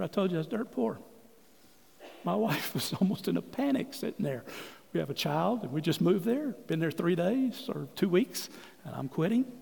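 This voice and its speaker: Casting: preacher, gravelly, raised pitch, folksy storyteller, sanctuary reverb. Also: male voice, a little mellow. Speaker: pastor. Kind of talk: storytelling sermon. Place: church sanctuary. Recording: long hall reverb.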